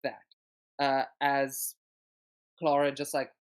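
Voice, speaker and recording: Person, tabletop game player, casual chat, rambling, many fillers, mid pitch. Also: completely flat delivery, takes it slowly, smooth.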